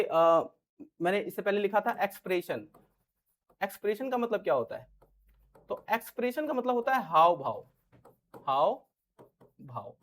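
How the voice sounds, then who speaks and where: A male teacher giving a casual grammar lesson in Hindi, chatty and repetitive, often saying "theek hai" and acting out example sentences in different tones. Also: high-pitched. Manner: chatty, repeats "ठीक है", acts out example lines in different tones. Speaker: English teacher.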